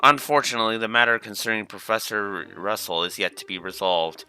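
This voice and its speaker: A man voicing a scheming, high-ranking castle lady in a video game, formal and smoothly condescending. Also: a little fast, sharp tone, low-quality recording. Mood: feigned concern. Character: polite, scheming, haughty woman of rank in a castle.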